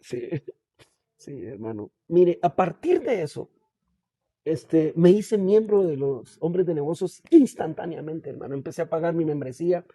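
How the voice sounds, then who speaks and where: A man who is a pastor, with a Guatemalan Spanish accent, tells his faith testimony in an earnest, halting way and keeps calling the listener "hermano". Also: on the high side, animated, mellow, dry recording. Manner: halting, with many restarts and fillers. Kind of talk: personal faith testimony in a podcast interview.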